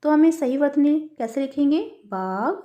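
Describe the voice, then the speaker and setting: On a muffled recording, a woman's warm, high-pitched voice moves at normal speed with lively intonation as she teaches little kids a worksheet lesson. This primary school teacher breaks words into syllables aloud and addresses the children as "beta."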